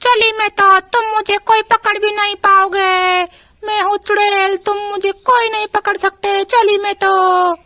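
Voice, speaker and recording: A woman voicing a boastful female witch in a doll storybook, with a shrill, taunting manner and cackling laughs. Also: level tone, unhurried, pushed and bright, no echo, clean studio sound, heavily acted. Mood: gloating.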